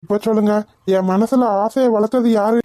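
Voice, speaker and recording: A woman's voice: on the high side, fairly even intonation, moderate pace, warm tone, no echo, lightly acted. A woman voicing a devoted young man in love in a cartoon, speaking in an earnest, pleading way. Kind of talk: cartoon voice acting.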